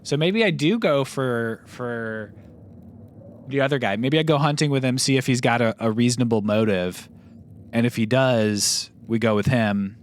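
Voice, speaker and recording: A man's voice: medium pitch, fairly even intonation, moderate pace. A man streaming a game, thinking aloud in casual commentary and musing with many fillers. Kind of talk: casual let's-play commentary.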